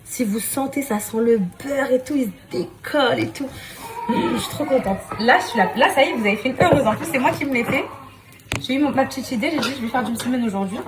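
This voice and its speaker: A woman vlogging casually on her phone at home, chatty and excitable, talking straight to her followers and laughing often. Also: high-pitched, quick pace, noisy background. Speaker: lifestyle vlogger. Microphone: phone held at arm's length.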